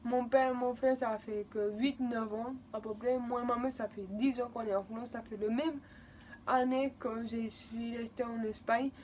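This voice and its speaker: Speaking at a measured pace with a steady, slightly mellow tone, a young Spanish woman in her twenties vlogs in accented French about her personal life. She is a native Spanish speaker, her voice is a little high, and her telling is rambling, repetitive and emotional. There's slight background noise.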